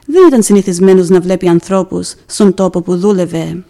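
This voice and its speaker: A woman presenting a religious podcast, reading a devotional story and reflection in a measured, solemn way. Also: lowish voice, dark tone. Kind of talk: scripted devotional narration.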